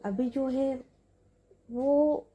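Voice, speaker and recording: A woman's voice: high voice, extremely slow, warm tone, husky. A young woman narrating a story in a casual, chatty way, turning to her listeners with asides.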